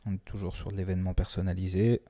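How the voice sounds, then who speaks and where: A man presenting a screen-recorded software tutorial in a relaxed, chatty way, often hesitating and restarting his sentences. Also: low voice, fast talker. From France. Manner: self-deprecating humor.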